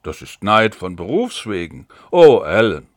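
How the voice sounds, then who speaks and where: A man's voice: mid-range voice, lively intonation, measured pace, a bit bright, dry recording, clean studio sound. Earnest young woman, read by a man. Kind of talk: audiobook dialogue reading.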